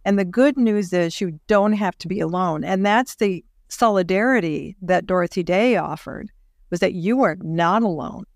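A woman hosting a podcast interview, reflective and measured, slowing down on key phrases. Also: on the low side, no echo, clean studio sound. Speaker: podcast host. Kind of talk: interview conversation.

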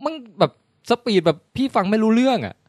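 A man's voice: high voice, fairly quick, no room sound, studio quality. A man co-hosting a casual podcast chat, telling stories and acting out what people said. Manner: animated storyteller, acts out quotes. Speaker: podcast co-host.

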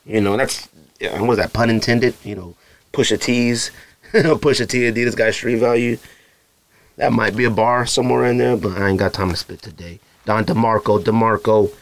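Rambling and slangy, a man from Arizona talks casually by himself on the podcast he hosts, often doing impressions of other people. His voice is lowish and steady, delivered at normal speed.

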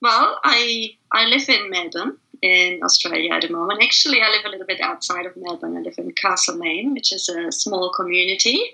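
A woman's voice: on the low side, brisk, gravelly, few pauses, bright, forceful tone, poor audio. A middle-aged woman from Germany, a German native speaker, talking as a guest in a casual interview, thoughtful with many fillers and restarts. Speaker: guest, facilitation trainer.

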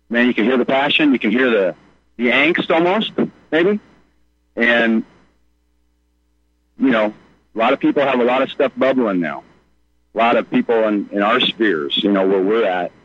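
A man's voice: mid-range voice, husky. A middle-aged man calling into a radio show on a buzzy speakerphone, talking in an earnest, rambling way. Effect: speakerphone call. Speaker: caller. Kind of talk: call-in radio talk. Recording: muffled speakerphone call on radio.

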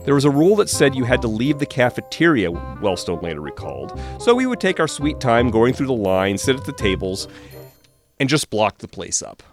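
A man reading a book passage aloud in a steady, measured way. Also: mid-range voice, soft background music.

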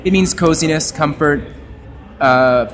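A man from Canada, a journalist and podcaster, talking at length as an interview guest, with a wordy, expressive manner that plays with his voice. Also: fairly high pitch, unhurried, soft background music. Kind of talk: casual interview talk.

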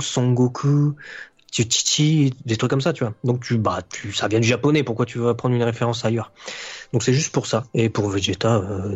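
A male YouTuber who analyses anime joins a casual podcast as a guest, explaining his views at length with many fillers and restarts. His mid-range voice is a little mellow with a breathy edge, and the audio is dull and lo-fi.

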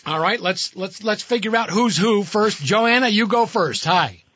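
A man's voice: high voice, lively intonation, unhurried, a bit bright, breathy edge, no room sound. A man hosting a live radio talk show, reading sponsor messages and questioning guests in a conversational way. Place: radio studio. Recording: slightly dull studio broadcast.

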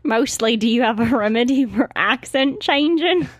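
A woman's voice: on the high side, animated, normal speed, dry recording. A woman playing a tabletop role-playing game, playful and teasing. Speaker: player. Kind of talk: casual tabletop game play.

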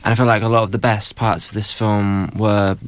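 A man's voice: fairly low pitch, flat delivery, brisk, smooth. A man giving a casual film review as a critic, in an understated way.

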